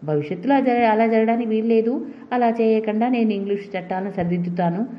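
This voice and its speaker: A woman's voice: on the low side, expressive, a little fast, close to an everyday voice. Brief: proud defiant boy king, read by a woman, commanding, muffled storybook audio. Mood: indignant. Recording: dull lo-fi recording.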